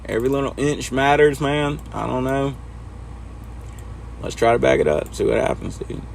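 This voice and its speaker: An easygoing man narrates his own driving in a truck simulator. His voice sits at an ordinary middle pitch, relaxed and conversational. He coaches viewers step by step and talks to himself along the way. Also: normal speed, creaky, a little hiss or hum. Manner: laid-back, talks to himself while driving. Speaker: truck driver teaching backing. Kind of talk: casual instructional commentary over gameplay.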